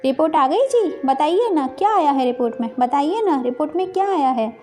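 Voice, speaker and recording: A woman plays a gentle young pregnant wife from a storybook who pleads and reasons. Her voice is high and mellow, with soft music beneath. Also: animated, a little fast. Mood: pleading. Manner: pleading, tearful.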